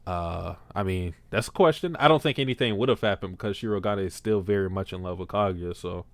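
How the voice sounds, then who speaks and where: A man hosting a casual livestream podcast, talking in an animated, slangy way and laughing often. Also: low-pitched, brisk, dry recording. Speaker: podcast host.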